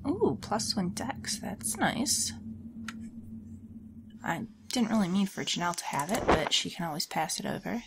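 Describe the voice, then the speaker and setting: Here the let's play host's voice sits in the mid range, with big swings in pitch, vocal fry, and a slightly slow pace. She still sounds scratchy and sore-throated, casually musing aloud about the game as she goes.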